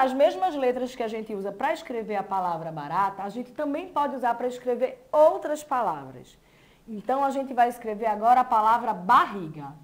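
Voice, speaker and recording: A woman with a Brazilian Portuguese accent teaching young children to read, sounding out syllables slowly and praising them often. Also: fairly high pitch. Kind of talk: early literacy lesson for young children.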